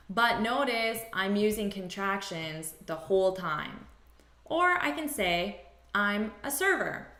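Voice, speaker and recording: Slow, bright-voiced woman teaching English. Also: medium pitch. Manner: slow, deliberate, repeats example phrases. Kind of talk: language lesson. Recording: echoey room.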